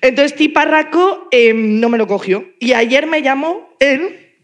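A woman's voice: high-pitched, expressive, measured pace. A woman, a comedian guest, telling a rambling, jokey story in casual podcast chat.

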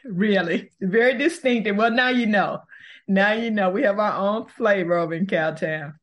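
A woman, answering interview questions in a thoughtful, unhurried way and laughing easily. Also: medium pitch, dull audio. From Texas, US. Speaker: podcast host, guest.

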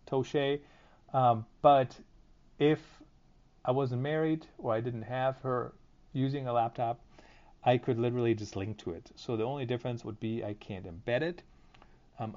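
Give the voice of a man hosting a podcast on his own, chatting informally and thinking out loud as he goes. His pitch is average for a man. He records through phone headphones used as a mic, so the sound is a bit dull and lo-fi. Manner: informal, conversational, thinking aloud. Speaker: podcast and live stream host. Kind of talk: casual solo monologue. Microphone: phone headset, headphones used as mic. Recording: dull lo-fi phone headset audio.

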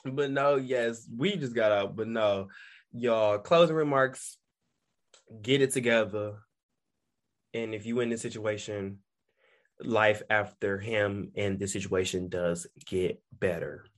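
A man co-hosting a podcast in casual chat, telling stories in an animated, slangy way. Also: fairly low pitch, slow pace. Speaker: podcast co-host.

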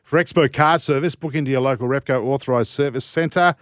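A man's voice: mid-range voice, fairly quick, dry recording, studio quality. An Australian man hosting sports talk radio in a conversational presenting style.

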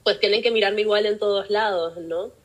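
A woman's voice: mid-range voice, a little fast, low-quality recording. A young woman with a Peruvian Spanish accent, telling her own story as a guest in an interview and acting out the voices she quotes. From Peru. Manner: animated, acts out voices in quoted speech. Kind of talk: personal storytelling in a podcast interview.

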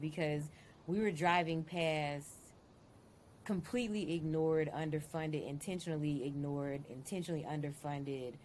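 Woman from Dallas, low voice, candid, outspoken, faint room noise. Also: a little mellow. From Dallas, Texas. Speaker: podcast guest. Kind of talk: casual conversation.

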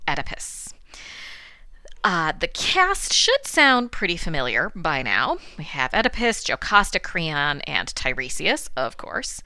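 A woman's voice: lowish voice, sharp tone, clear, resonant tone, no echo. A middle-aged woman hosting a classics podcast, giving a scripted lecture with wry, dry asides. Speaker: podcast host teaching classics.

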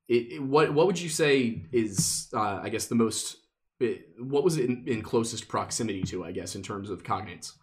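A man's voice: fairly low pitch, fairly bright tone. A man hosting a chat podcast who asks rambling questions full of fillers and restarts. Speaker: podcast host. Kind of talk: casual chat.

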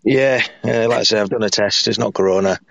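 A man with a hoarse, croaky frog-in-the-throat voice, hosting a casual sports podcast. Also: fairly low pitch, fairly quick, a bit bright, dry recording, muffled recording. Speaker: podcast host.

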